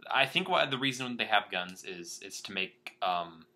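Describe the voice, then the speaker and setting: A man's voice: on the low side, animated, normal speed, bright, forceful tone. A young man hosting a podcast, chatting casually about a movie, rambling with restarts. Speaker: podcast host. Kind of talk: casual movie-review chat.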